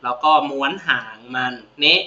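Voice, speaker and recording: A man with a Thai accent teaching a Japanese lesson to students, friendly and repeating each word slowly for them to copy. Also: mid-range voice, sharp tone. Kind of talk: casual classroom-style video lesson. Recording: echoey room, dull lo-fi sound.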